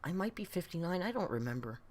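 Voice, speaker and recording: Hosting a casual reaction stream, a woman in her late fifties rambles to her viewers bluntly and self-deprecatingly, with mild swearing. Her fairly low, darkish voice has a sing-song lilt and moves fast.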